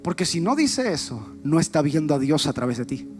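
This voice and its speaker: A man's voice: fairly high pitch, sing-song, a little fast. A man preaching a sermon in a passionate, direct way, speaking straight to the listener. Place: church. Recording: with background music. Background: music.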